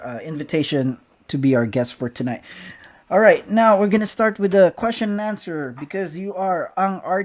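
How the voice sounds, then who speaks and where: A man's voice: fairly high pitch, darkish tone. A man hosting a live-streamed interview show, apologetic and flustered by technical glitches. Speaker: host.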